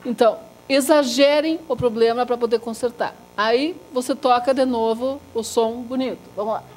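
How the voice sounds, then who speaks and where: Lively woman teaching a music workshop. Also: normal speed. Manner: lively and demonstrative, drops to a soft low voice to make a point; chants body parts in rhythm. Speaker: Suzuki violin teacher leading a workshop. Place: workshop room with a group of students.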